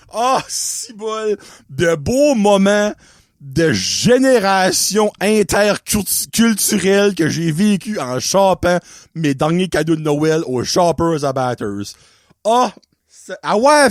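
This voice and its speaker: A man's voice: a little high, no echo, studio quality. A man with an Acadian French accent hosting a podcast in casual chat, rambling, swearing freely and wandering off on tangents. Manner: rambling, profane, goes off on tangents. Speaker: podcast host.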